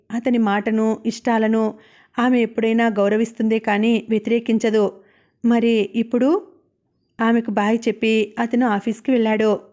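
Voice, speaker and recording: A woman narrating a novel as an audiobook in a steady, even reading manner. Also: on the high side.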